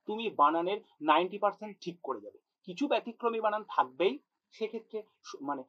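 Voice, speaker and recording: A man's voice: high-pitched, highs cut off. A man teaching a spoken grammar lesson, patient and repeating his points, addressing students directly and sounding out words to show pronunciation. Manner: patient, repeats points to drive them home. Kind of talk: spoken exam-prep lesson.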